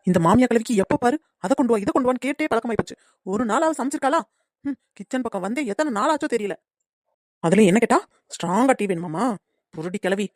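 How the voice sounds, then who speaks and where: Cartoon: woman voicing a snappy young daughter-in-law, high and rapid-fire. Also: a little mellow, no room sound, studio quality. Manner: grumbling, sarcastic. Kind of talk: cartoon comedy voice acting.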